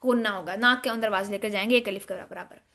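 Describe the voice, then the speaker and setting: A woman teaching Quranic recitation rules, explaining step by step and demonstrating words in slow drawn-out chanting. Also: medium pitch, fairly even intonation, sharp tone. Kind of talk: tajweed lesson.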